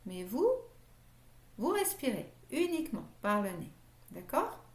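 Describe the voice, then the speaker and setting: A woman leading a guided yoga meditation class, talking gently and checking in often with her students. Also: a little high, very animated, measured pace. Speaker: yoga teacher. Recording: echoey room.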